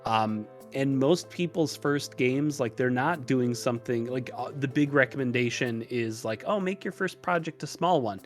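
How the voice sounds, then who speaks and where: A man who runs a tutorial channel guests on a podcast, explaining things in a loose, rambling way full of hesitations during a casual interview. He speaks in a mid-range voice at normal speed with hardly any pauses, and music plays beneath him.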